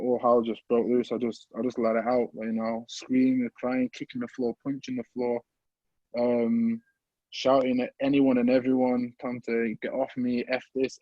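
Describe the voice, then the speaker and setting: A young man from the Midlands, a podcast guest telling an emotional personal story, halting and repeating words as he holds back tears. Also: mid-range voice, dark tone, no room sound, highs cut off. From English Midlands.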